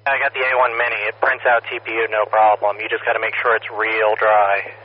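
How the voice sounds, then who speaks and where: A man's voice: fairly low pitch, little pitch movement, a little fast. A man chatting over a mobile radio from his car, rambling with lots of fillers, heard through a tinny link. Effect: tinny radio from a moving car. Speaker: ham radio operator. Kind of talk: casual radio chat. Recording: tinny phone-like radio with noise.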